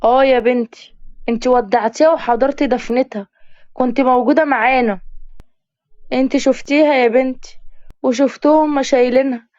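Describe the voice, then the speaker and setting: A woman with an Egyptian accent voicing a calm, gentle father consoling his daughter in a spoken story. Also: high voice, a little fast, pauses often, no echo, lo-fi sound, lightly acted. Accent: Egyptian Arabic.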